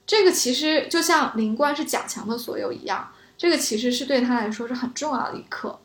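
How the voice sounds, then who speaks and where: A woman co-hosting a casual chat about a classic novel, telling scenes with animated delight and laughing often. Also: high-pitched, a little fast, echoey room. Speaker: podcast co-host.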